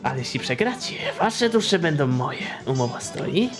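A man's voice: a little high, sing-song, moderate pace. A man voicing a menacing, grinning male devil who runs a casino, reading his lines from a game with a gloating, threatening manner. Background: game music.

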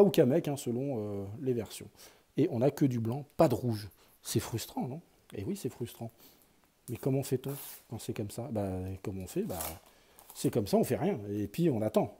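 A man's voice: mid-range voice, warm tone, breathy edge. A man giving casual running commentary as he opens sticker packs, chatty and thinking aloud. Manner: chatty, thinks aloud, lots of fillers and sighs. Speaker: YouTuber opening sticker packs.

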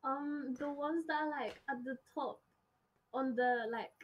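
High-voiced puzzled woman. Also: steady tone, unhurried, dull audio. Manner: puzzled, questioning. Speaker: stranger on video chat. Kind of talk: casual chat.

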